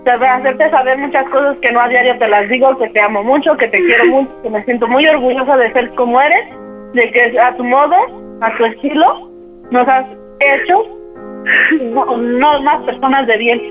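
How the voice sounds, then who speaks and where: A woman's voice: high-pitched, moderate pace, phone-quality sound, faint music behind. Emotional young woman. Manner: emotional, effusive. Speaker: prank caller, daughter. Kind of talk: radio prank call.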